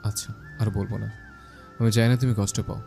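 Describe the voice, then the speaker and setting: An actor playing a young husband who gently coaxes and apologizes to his wife in an audio drama. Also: lowish voice, fairly even intonation, a little fast, vocal fry, soft background music. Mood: pleading. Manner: gentle, pleading. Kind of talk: Bengali audio drama acting.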